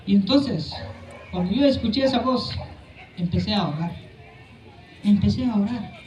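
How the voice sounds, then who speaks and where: A man giving an impassioned testimony at a church service, preaching fervently and often shouting, with many repetitions. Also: high-pitched, lively intonation, normal speed, far from the mic, soft background music. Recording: echoey church room.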